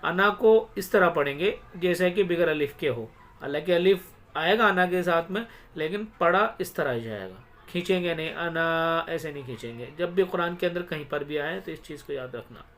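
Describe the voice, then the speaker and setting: A man teaching Quran reading step by step. He sounds out each word slowly and stretched, then explains quickly and checks with the listener. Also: on the high side, lively intonation, fairly bright tone. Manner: asks the learner quick check questions. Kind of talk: step-by-step recitation lesson.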